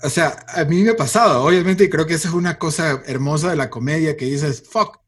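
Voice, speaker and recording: Guy asking questions, husky voice, a bit higher, loose chatty talk. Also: fairly quick, fairly bright tone. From Mexico. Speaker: interviewer. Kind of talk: casual conversation.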